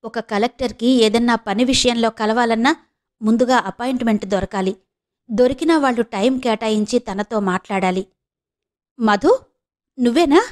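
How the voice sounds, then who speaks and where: A woman's voice: fairly even intonation, normal speed. A woman from Andhra Pradesh narrating an audio novel, shifting her tone slightly for each character's lines. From Andhra Pradesh, India. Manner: reads the characters' lines with small shifts of pitch and pace.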